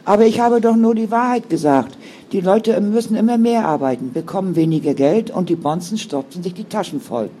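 A man's voice: on the high side, animated, normal speed, mellow, slight background noise. A man voicing an angry, defiant young woman who is a mother, with indignant, bitter outbursts.

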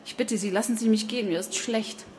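A woman's voice: mid-range voice, fairly even intonation, fairly quick, darkish tone, a little hiss or hum, voice pushed up, natural voice. A woman reading an audiobook, voicing a scared teenage boy who begs to be let go. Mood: pleading. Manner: pleading.

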